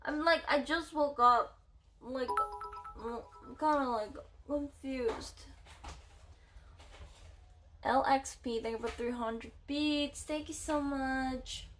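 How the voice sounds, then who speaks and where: A woman's voice: high voice, steady tone, slow pace, long pauses, music in the background. A woman chatting casually on a livestream in a playful, girlish way, thanking her subscribers. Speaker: live streamer.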